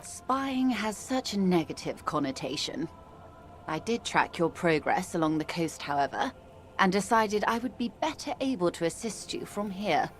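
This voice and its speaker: An actress voicing a poised, composed middle-aged woman of means in a video game, speaking in a measured, courteous, faintly wry way. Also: fairly low pitch, very animated, soft background music. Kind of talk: voiced video game dialogue.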